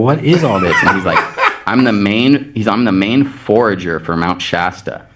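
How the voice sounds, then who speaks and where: A man with a low voice talks over a video call as a guest on a podcast. He tells a long personal story with energy, acting out each quoted exchange as he goes. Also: a little hiss or hum. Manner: animated retelling with many quoted exchanges. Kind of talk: anecdotal storytelling in casual chat.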